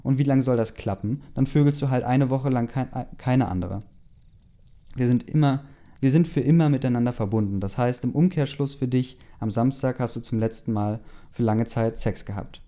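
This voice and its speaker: A man reading the lines of a sharp-tongued, fed-up teenage girl werewolf in a snappy, exasperated way. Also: mid-range voice, moderate pace, few pauses, close to an everyday voice.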